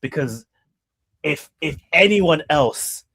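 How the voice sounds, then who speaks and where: Incredulous, mocking co-host, voice a bit high. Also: male voice, animated, slow pace, gravelly, a bit bright. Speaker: co-host pundit. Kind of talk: casual football banter.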